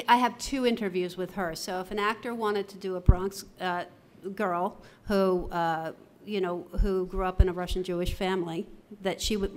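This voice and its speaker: A woman theatre professor giving a conference presentation, conversational and enthusiastic, often correcting herself as she goes. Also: lowish voice.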